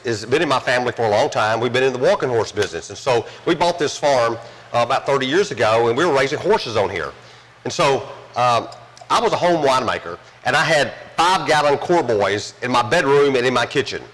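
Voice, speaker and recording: A man's voice: medium pitch, a bit bright, big-room sound, poor audio. A man from Tennessee, a winery owner telling folksy, rambling stories in an interview. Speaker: winery owner and grape grower. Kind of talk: storytelling in an interview.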